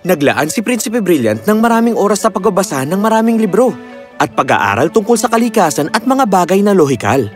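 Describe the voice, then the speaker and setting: A man narrating a children's fairy tale in a slow, expressive storytelling manner. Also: high-pitched.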